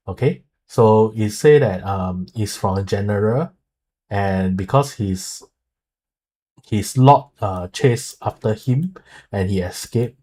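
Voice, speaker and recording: Husky, low-voiced man explaining as he goes. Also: dark tone. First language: not Mandarin; speaks it haltingly. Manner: halting, explanatory, with frequent okay and so. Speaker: streamer and video creator explaining a game. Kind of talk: casual live commentary translating an article.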